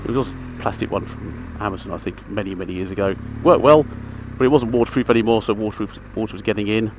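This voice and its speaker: Riding his motorbike, a man with a fairly low, slightly mellow voice talks fast through a casual, rambling gear review in a matter-of-fact tone. The helmet mic catches engine rumble, traffic and other outdoor sounds.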